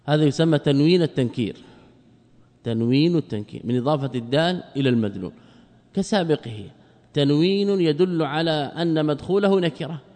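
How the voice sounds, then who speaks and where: A man's voice: mid-range voice, a little mellow. A man teaching a classical grammar lesson, asking rhetorical questions and answering them himself, repeating key terms. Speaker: Islamic scholar teaching Arabic grammar. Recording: long hall reverb.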